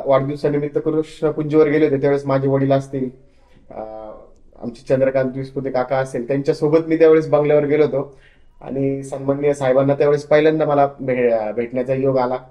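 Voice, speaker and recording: A young man from Maharashtra answers an interviewer's questions about his political work. He sounds earnest and loyal, his sentences sometimes stumbling and restarting. His voice is mellow and dark, and the room around him rings back. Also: mid-range voice, flat delivery, a little fast, echoey room. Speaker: political party worker, interview guest.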